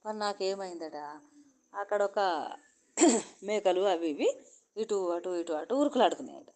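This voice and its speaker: A woman's voice: mid-range voice, unhurried, dark tone. A woman with a Telangana accent telling a folk tale in a conversational, repetitive way. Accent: Telangana Telugu. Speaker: storyteller.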